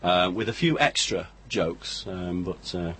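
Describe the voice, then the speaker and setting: A male amateur actor with a very deep voice, guesting on a local radio show. He talks haltingly, stumbling over and repeating words as he goes. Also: lively intonation, a bit bright, slight background noise. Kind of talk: radio interview.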